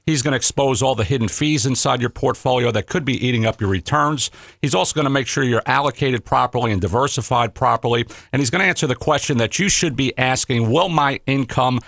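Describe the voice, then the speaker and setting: A man's voice: mid-range voice, fairly quick, a bit bright, no room sound, studio quality. A man co-hosting a radio show, delivering polished promotional patter in a salesy manner. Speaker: radio co-host.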